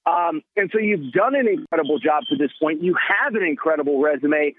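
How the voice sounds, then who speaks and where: A man's voice: fairly high pitch, expressive, brisk, no echo. A man interviewing a guest, speaking encouragingly. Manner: encouraging and complimentary. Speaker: radio interviewer. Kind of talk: interview question. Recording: tinny phone line.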